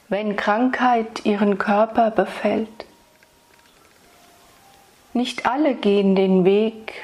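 Very slow, soothing woman guiding meditation. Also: mid-range voice, a little mellow. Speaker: spiritual meditation guide delivering channeled messages. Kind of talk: guided meditation and spiritual address.

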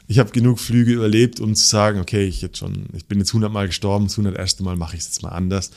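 Low-voiced man telling stories. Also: quick pace, vocal fry. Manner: animated storytelling, acts out quotes, swears casually. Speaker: podcast co-host. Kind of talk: casual podcast chat.

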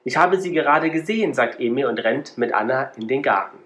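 A man's voice: mid-range voice, fairly quick. Man reading a spooky story aloud. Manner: reads story with lively raised voices for children's lines. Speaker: podcast host.

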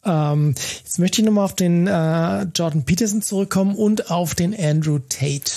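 A man's voice: high-pitched, moderate pace, mellow. A man co-hosting a casual conversational podcast, talking in a hesitant way with many fillers and restarts. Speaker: podcast co-host.

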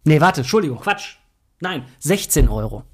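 A man, telling a funny anecdote as a podcast co-host, animated and full of laughs. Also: a little high, normal speed, breathy edge. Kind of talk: casual storytelling chat.

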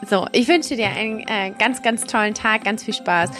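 A woman's voice: fairly high pitch, moderate pace, over loud music. A woman podcast host giving a personal, effusive introduction, repeating words for emphasis.

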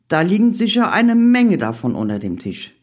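Woman voicing a cheeky teasing father, playful, husky. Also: fairly low pitch, very animated, normal speed, darkish tone, pitched above the performer's own voice.

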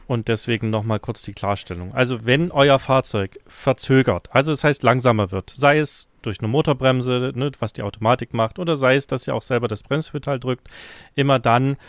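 A man's voice: mid-range voice, fairly quick, no room sound, studio quality. A man hosting a podcast, summing up for his listeners and asking his guest follow-up questions in a casual way. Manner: addresses listeners directly, sums up and asks questions. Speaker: podcast host.

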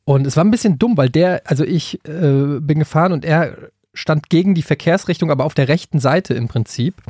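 A man's voice: on the high side, a little fast, a little mellow, no room sound, clean studio sound. Rambling, agitated man telling a story. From Frankfurt, Germany. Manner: rambling, with many restarts and hesitations, getting worked up as the story builds. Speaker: podcast co-host. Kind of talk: casual storytelling chat.

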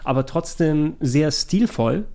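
A man's voice: a little high, lively intonation, slow, mellow. A man chatting as podcast host, enthusiastic and rambling. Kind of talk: casual chat.

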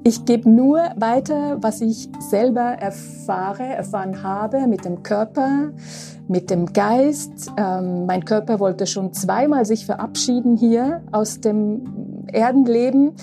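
A woman of nearly sixty, hosting a spiritual podcast, talking slowly and reflectively and often checking in with a soft "ja?". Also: a little high, over music. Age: 50s. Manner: slow, reflective, with frequent asking "ja?". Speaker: podcast host.

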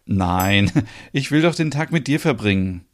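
A man voicing a sleepy, affectionate young woman in an audio soap opera, speaking softly. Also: on the low side, lively intonation, measured pace, slight background noise.

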